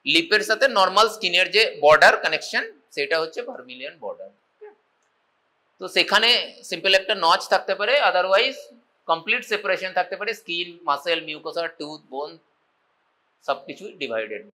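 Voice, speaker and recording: A man with a Bengali accent giving a medical college lecture, reading slow English lines and explaining them in Bengali, often checking whether students follow. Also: high voice, bright, forceful tone, low-quality recording. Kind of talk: classroom lecture.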